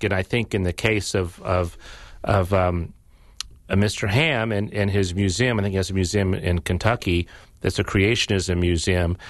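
Low voiced guy, journalist guest on radio, lots of restarts, dry close sound. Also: no echo. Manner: thoughtful, repeats words and restarts often. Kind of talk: radio interview answer.

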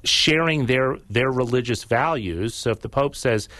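A man's voice: mid-range voice, normal speed, fairly bright tone, no echo. A man appearing as a journalist guest on a radio call-in, answering thoughtfully with frequent repeated words and restarts.

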